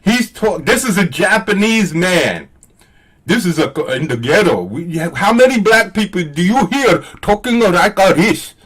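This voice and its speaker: A man's voice: high-pitched, very animated, a little slow, fairly bright tone, breathy edge. A man streaming live, talking casually to his viewers in an emphatic, repetitive, preachy way.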